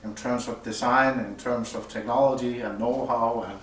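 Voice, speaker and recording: Captured by a distant mic in a roomy indoor space at an audio show, a man who designs loudspeakers presents a product premiere off the cuff. He explains the semi-technical details in a halting way, with medium pitch and fairly even intonation, over faint background noise.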